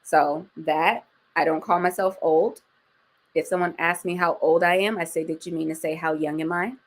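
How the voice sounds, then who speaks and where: A woman's voice: deep voice, fairly even intonation, moderate pace. A woman in her forties, a guest talking casually and outspokenly, with slang and some swearing. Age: 40s. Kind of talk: casual interview chat.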